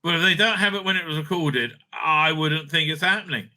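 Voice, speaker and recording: A video host with a voice on the high side speaks briskly, giving unscripted, profane, opinionated commentary. He's excitable, stammering and repeating himself.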